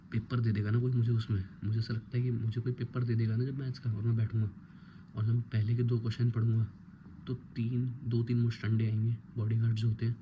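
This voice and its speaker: A young man in his twenties talks quietly, close to a phone, at home late at night. He rambles and pokes fun at himself in a casual vlog, at a middle pitch. A steady hiss of noise sits under the voice. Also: highs cut off. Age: 20s. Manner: hushed, rambling, self-mocking. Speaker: college student vlogger. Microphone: phone held close.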